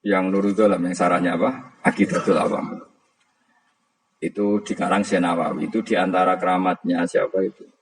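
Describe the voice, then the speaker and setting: A man preaches in a relaxed, humorous way. His voice sits low, and he chuckles and quizzes his listeners as he teaches. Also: normal speed. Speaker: Islamic preacher. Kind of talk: religious lecture.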